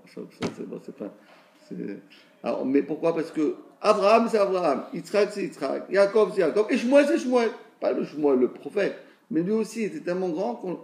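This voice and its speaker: Male Torah teacher, fairly high voice, echoey room, stop-start explaining. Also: darkish tone. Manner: repeats and restarts words, asks and answers his own questions. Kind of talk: Talmud lesson.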